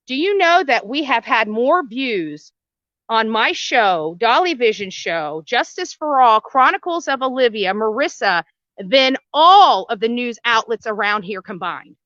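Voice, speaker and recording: The recording is dry, with the highs cut off. A woman with a fairly bright, high-leaning voice reports live from the roadside outside a house, an independent commentator with her own show. Her delivery is indignant and blunt, and she hammers points by repeating phrases.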